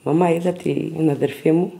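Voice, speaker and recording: A mother telling her family's story slowly and plainly in a documentary interview. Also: sits low, fairly even intonation, creaky, mellow.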